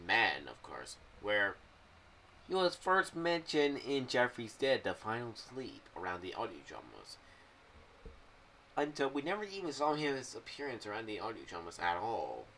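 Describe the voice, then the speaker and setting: His delivery has a sing-song lilt and a sharp bite as the young man drifts haltingly through unscripted fan-theory commentary. He records in a small home room on a pop-filtered boom-arm mic, wearing headphones, and the audio is plainly noisy.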